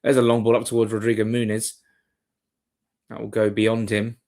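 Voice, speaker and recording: A man's voice: lowish voice, completely flat delivery, normal speed, darkish tone. A man hosting a live football watchalong, giving chatty, rambling play-by-play with asides to his viewers. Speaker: watchalong host. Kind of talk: live match commentary and chat.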